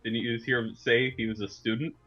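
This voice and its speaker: A man's voice: medium pitch, level tone, brisk, bright, forceful tone, dull audio. A man chiming in as a co-commentator on a let's play, teasing and explaining.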